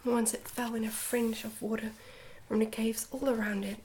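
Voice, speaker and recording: A woman whispers a story for ASMR listeners, breathy and a bit high, handling the tale gently and keeping it all soft. There's little pitch movement, a moderate pace, and a faint hiss or hum.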